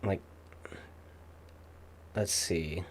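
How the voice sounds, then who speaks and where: A young man chatting casually, rambling with many fillers and pauses. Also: deep voice, a little mellow, a little hiss or hum. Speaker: streamer. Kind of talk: casual chat.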